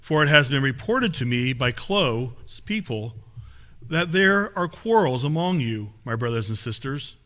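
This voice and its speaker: A man reading scripture aloud in a steady, measured way during a church service in a small sanctuary, picked up by a far camera. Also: medium pitch. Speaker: lay reader.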